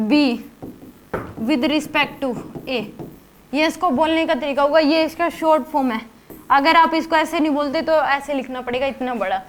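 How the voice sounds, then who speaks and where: A woman teaching physics in a classroom lecture, explaining step by step and putting rhetorical questions to her students. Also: sits high.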